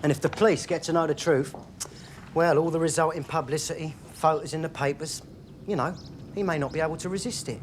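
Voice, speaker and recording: A man's voice: a little high, fairly even intonation, a little fast, slight background noise, close to an everyday voice. An actor playing a worried, earnest young man in a TV drama, informal and cautioning.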